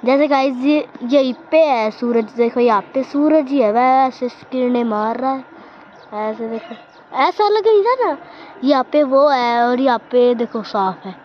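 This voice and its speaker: This casual outdoor vlog has a woman with a fairly high voice, speaking a little slowly as she walks through her village with her phone in hand. She talks freely and keeps inviting viewers to look, over dull audio carrying a slight hiss or hum.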